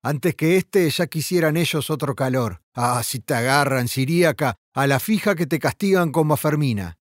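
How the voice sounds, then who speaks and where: A man's voice: a little high, moderate pace, no room sound, clean studio sound, lightly acted. A man reading a grim young soldier.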